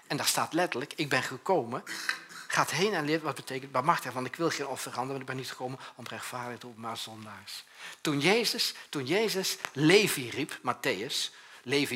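A man preaching a sermon as pastor, in a conversational way, swinging between loud urgent bursts and quiet, low passages. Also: slightly rough. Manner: conversational preaching, often tags on a questioning "hè?".

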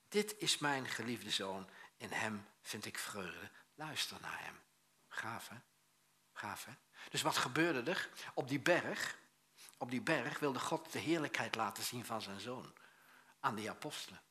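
Guy preaching, animated storyteller, bright sharp voice, keeps restarting and doing voices. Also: medium pitch. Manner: acts out quoted voices, swings loud and soft. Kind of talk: lively sermon.

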